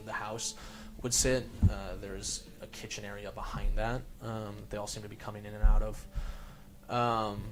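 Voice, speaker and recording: A man narrating as game master in a tabletop game, loose and relaxed with lots of fillers. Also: lowish voice.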